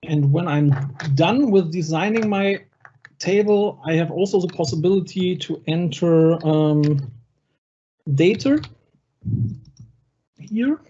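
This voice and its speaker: A presenter at an online user group event giving a live software demonstration, talking through each click step by step over a video call microphone. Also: mid-range voice, lively intonation, takes it slowly, pauses often, dull audio, a little hiss or hum.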